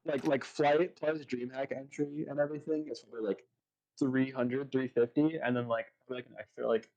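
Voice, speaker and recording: A man's voice: medium pitch, steady tone, a little fast, a little mellow, highs cut off. Rambling young man on a podcast. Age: 20s. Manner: rambling, heavy use of filler like. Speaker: podcast guest. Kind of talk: casual podcast chat.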